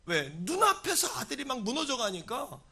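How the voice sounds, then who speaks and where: A man preaching a sermon as pastor, shouting with passion and calling out in prayer, and leading the congregation to repeat lines after him. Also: extremely high pitch, sing-song, normal speed, creaky, husky. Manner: leads the congregation in call-and-response.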